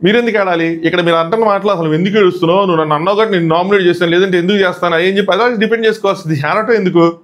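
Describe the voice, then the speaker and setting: Fast-talking, high-voiced man reviewing a show. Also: fairly even intonation. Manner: rapid, chatty recap mixing in English words; acts out quoted lines from the show. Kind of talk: casual commentary.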